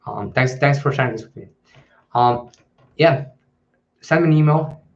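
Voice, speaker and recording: A man's voice: mid-range voice, moderate pace. A man hosting a live question-and-answer stream, answering in a hesitant way with many ums and restarts. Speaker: channel host. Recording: dull lo-fi livestream audio.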